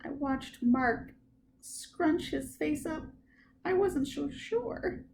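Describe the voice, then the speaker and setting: A woman librarian reading bedtime stories aloud with expressive, animated storytelling. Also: high-pitched, very slow, creaky, slight background noise.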